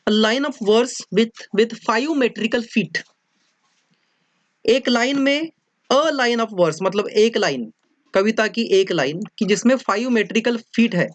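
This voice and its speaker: A teacher with a medium-pitched voice gives a classroom lecture in a blend of Hindi and English, often repeating points and making sure students are following. There is no room sound.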